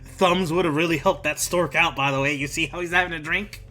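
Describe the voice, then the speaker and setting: A man's voice: a little high, fairly even intonation, brisk, bright, forceful tone. A man giving casual, sardonic commentary while playing a video game. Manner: sardonic, swears, laughs at the game. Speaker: let's play host. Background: faint game music.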